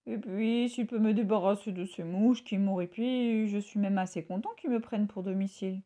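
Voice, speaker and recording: Casting note: gruff old crocodile, grudging mutters, a woman doing him. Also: medium pitch, fairly even intonation, normal speed, mellow, close to an everyday voice.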